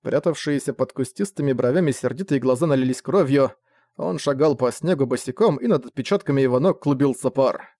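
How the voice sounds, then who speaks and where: Expressive male audiobook narrator. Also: mid-range voice, brisk, no room sound, clean studio sound. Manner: expressive storytelling.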